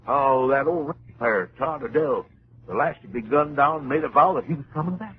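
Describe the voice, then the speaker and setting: An actor playing a folksy, excitable cowhand sidekick with an American Western accent and colorful slang in a 1950s radio western. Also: male voice, mid-range voice, normal speed, lightly acted. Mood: excited, storytelling. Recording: muffled, noisy old-time radio recording.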